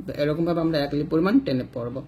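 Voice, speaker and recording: Man, fairly high voice, slow chanted letter drills, patient teacher. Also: a little mellow, slight background noise. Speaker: Quran reading teacher. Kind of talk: spelling-drill lesson.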